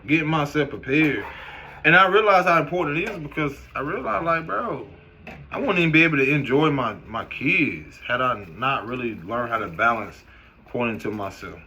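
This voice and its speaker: A man's voice: medium pitch, moderate pace. A man giving a casual, loose, profane monologue to camera as a vlogger, mixing stories and advice. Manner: loose, profane, animated storytelling. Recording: noisy background hiss.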